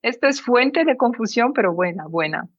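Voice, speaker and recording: Woman, higher voice, dry, muffled sound. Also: moderate pace, no room sound. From Brazil. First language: Portuguese. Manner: lively, explains with examples. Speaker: guest, Spanish teacher. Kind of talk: explanatory interview talk.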